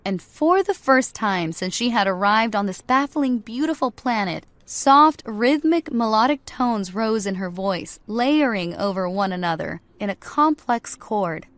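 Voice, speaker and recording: A woman narrating a scripted story in a steady, even way. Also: mid-range voice, a little slow, hardly any pauses, no room sound.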